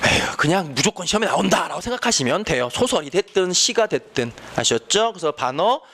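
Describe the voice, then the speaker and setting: A man's voice: high voice, big pitch swings, a little fast, bright, forceful tone. A man teaching Korean literature in an online exam-prep lecture, who asks questions and answers them himself. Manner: acts out quoted lines with exaggerated voices.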